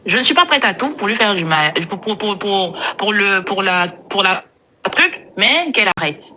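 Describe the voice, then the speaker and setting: A woman's voice: mid-range voice, sing-song, normal speed, bright, forceful tone, a little hiss or hum. A woman caller from Côte d'Ivoire with an Ivorian French accent, speaking indignantly and emphatically, often repeating words. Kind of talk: call-in on a live stream.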